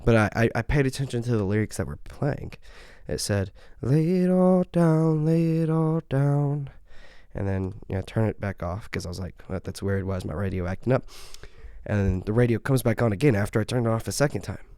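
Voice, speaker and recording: Earnest low-voiced man sharing faith. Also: quick pace, no echo, clean studio sound. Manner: earnest, conversational, frequent "right?" tags and soft laughs. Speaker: podcast host. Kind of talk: faith podcast testimony and encouragement.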